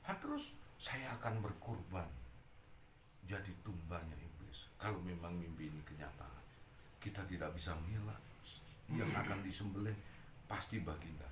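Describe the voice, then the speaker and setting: A man's voice: sits low, animated, normal speed, echoey room, background noise, pitched below the performer's own voice. A man voicing a cunning court jester who solemnly pleads his devotion to the king. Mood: pleading.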